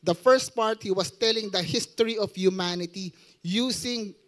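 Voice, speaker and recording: A man's voice: sits high, a little slow, fairly bright tone. A young adult man with a Filipino accent preaching a sermon, joking and quizzing his audience as he mixes Tagalog and English.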